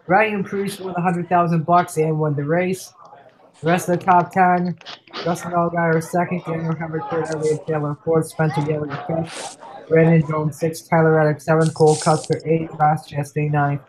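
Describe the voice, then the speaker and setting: A man's voice: fairly high pitch, flat delivery, normal speed, low-quality recording. A sick man hosting an online racing show, casually reading through race results and chatting with co-hosts. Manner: reads results lists, loose and chatty. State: sick, coughing. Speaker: podcast host. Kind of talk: casual sim-racing recap chat.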